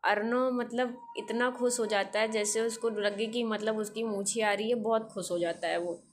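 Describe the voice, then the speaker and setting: A young woman telling family stories in a casual home vlog, chatty and quick to laugh. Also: on the high side, fairly even intonation, slight background noise. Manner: chatty, giggly storytelling. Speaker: vlogger. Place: at a relative's home.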